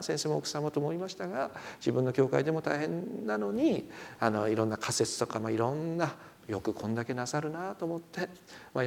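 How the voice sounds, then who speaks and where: A man's voice: fairly high pitch, creaky. A middle-aged man, a pastor, preaching a sermon and telling stories, acting out the quoted speech of the people in them. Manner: animated storyteller, acts out quoted speech. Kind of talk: sermon with storytelling.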